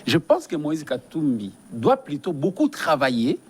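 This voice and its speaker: A man's voice: fairly high pitch, huge pitch swings, unhurried, breathy edge. A man from DR Congo, a guest giving earnest, emphatic political commentary in a studio interview and often repeating his phrases.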